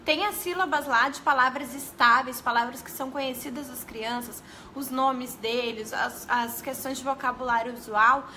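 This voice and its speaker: A woman with a high, bright voice gives a casual live lesson from home. She talks straight to her viewers in a friendly, chatty way and often stops to correct herself. A faint hiss of room noise sits behind her. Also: fairly even intonation, moderate pace, hardly any pauses. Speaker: teacher giving a live class. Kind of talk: casual live-stream teaching.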